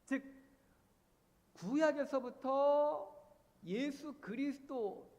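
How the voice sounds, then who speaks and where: A man's voice: extremely high pitch, very slow, darkish tone. A man preaching a sermon as pastor, emphatic and repeating key words for stress. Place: church sanctuary. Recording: long church-hall reverb.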